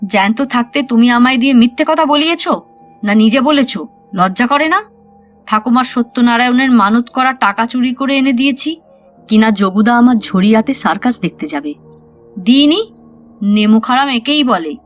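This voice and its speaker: Woman doing a spirited young village woman ghost, teasing, scolding, quick retorts, slightly high voice. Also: animated, faint music behind, close to an everyday voice.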